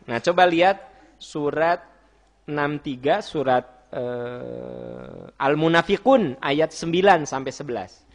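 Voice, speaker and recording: A middle-aged man preaching with a Sundanese accent, teasing his listeners and acting out little family scenes, then dropping to a soft gentle tone for advice. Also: mid-range voice. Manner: playful, teasing, acts out wife and husband in quoted voices. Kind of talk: lively sermon to a congregation.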